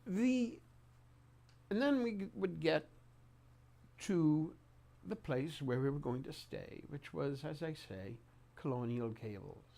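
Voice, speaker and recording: An older man reminiscing in an oral-history interview, speaking haltingly with repeated words and pauses mid-sentence. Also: a little high, animated, gravelly, warm tone. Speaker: interviewee recounting memories.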